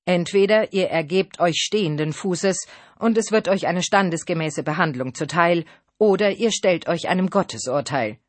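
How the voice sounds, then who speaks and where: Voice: mid-range voice, normal speed, dry recording, natural voice. A reader voicing a stern, victorious male nobleman who makes formal proclamations in an audiobook. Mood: commanding. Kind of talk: audiobook reading.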